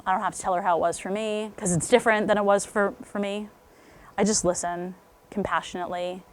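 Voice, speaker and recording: A middle-aged woman talks frankly with a group of parents in a loose, conversational way. Her speech is full of fillers like "you know", and she sometimes drops to a hushed near whisper for personal asides. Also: medium pitch, steady tone, fairly quick. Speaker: parenting talk speaker. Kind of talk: parent talk to a live group.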